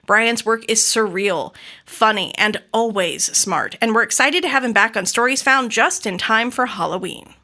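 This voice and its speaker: An American woman hosts a podcast, shifting between scripted introductions and casual interview chat. She is enthusiastic and effusive and quick to laugh, with a slightly high, bright, forceful voice.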